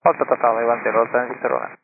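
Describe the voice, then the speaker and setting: A pilot reading back instructions over the aircraft radio in brisk, terse, routine phrasing. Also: male voice, medium pitch, fairly even intonation. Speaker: airline pilot. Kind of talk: clipped radio readback. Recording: tinny radio line with static.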